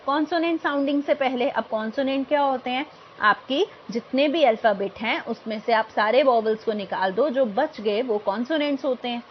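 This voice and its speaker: A woman teaching English grammar, explaining in Hindi mixed with English, checking in often with her students and reading example phrases slowly and carefully. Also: fairly high pitch. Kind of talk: explanatory grammar lesson for exam aspirants. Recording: dull lo-fi home recording, faint background noise.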